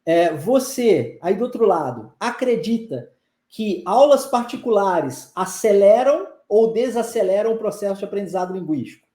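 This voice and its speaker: A man's voice: high-pitched, expressive, moderate pace, warm tone, reverberant. A man with a Brazilian Portuguese accent gives a live online English pronunciation lesson, coaxing his viewers and drilling phrases through repetition. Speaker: English teacher.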